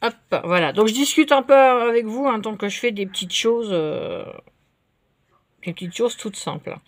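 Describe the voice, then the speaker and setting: A woman chatting casually while she crafts at her table, relaxed and full of fillers. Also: a little high, moderate pace, no echo. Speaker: craft vlogger.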